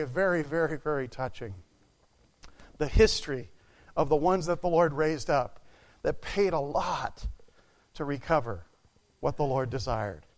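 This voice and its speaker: A man preaching a sermon to a church, swinging from quiet asides to loud exclamations. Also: a little high.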